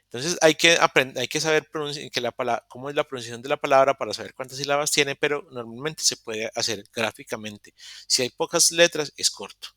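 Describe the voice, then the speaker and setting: A man teaches an English class over a video call, explaining step by step while often restarting and correcting his sentences. His medium-pitched voice is pushed and bright, a little fast, with clean studio-quality sound and no room echo.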